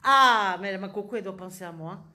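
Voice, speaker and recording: A woman's voice: mid-range voice, a little fast, sharp tone. A woman working as a medium, answering audience questions one after another in a familiar, direct and teasing way, using tu with strangers. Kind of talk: live public session, quick answers.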